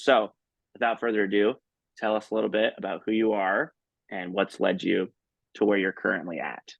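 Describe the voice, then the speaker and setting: A man's voice: on the low side, no room sound, muffled recording. A man hosting an interview, chatty and upbeat. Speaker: host. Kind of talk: casual interview.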